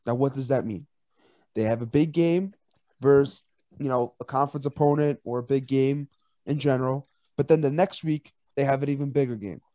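A man's voice: medium pitch, normal speed, mellow, no room sound, clean studio sound. A man co-hosting a casual college football betting podcast, rowdy and laughing a lot as he makes picks. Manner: rowdy, laughing, chanting fight songs. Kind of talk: casual sports betting chat.

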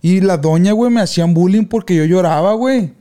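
Excitable man telling stories. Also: high-pitched, fairly quick. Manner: animated slangy storyteller, loud outbursts. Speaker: podcast co-host. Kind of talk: casual storytelling chat.

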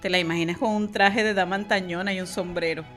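A woman co-hosting a casual live-stream chat, playful and quick to laugh. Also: lowish voice, fairly even intonation, fairly bright tone, soft background music. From Venezuela. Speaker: co-host.

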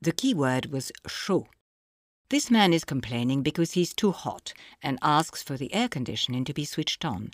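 A woman narrating a scripted audio language lesson, explaining phrases slowly and clearly for the listener to repeat. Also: deep voice, sing-song, dry recording, clean studio sound. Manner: slow, clear teaching delivery with pauses for repetition.

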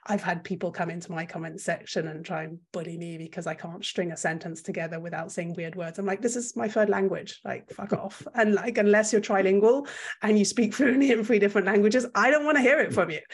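A woman with a brisk, slightly rough, mid-range voice guests on a conversational interview. A content creator whose first language is French, she comes across as emphatic and opinionated, often restarting what she's saying.

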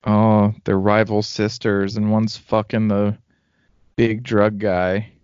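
A man chatting casually while watching a TV show, with quick questions and sarcastic commentary. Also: lowish voice, level tone, darkish tone, clear, resonant tone, dry recording. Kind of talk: casual chat. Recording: dull lo-fi dry sound.

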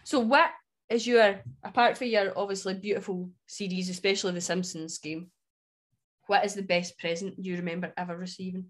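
A woman's voice: mid-range voice, steady tone, normal speed. Female co-host, broad Scottish accent, informal and candid, casual conversational storytelling. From Scotland. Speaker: book club podcast co-host. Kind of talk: casual chat, personal storytelling.

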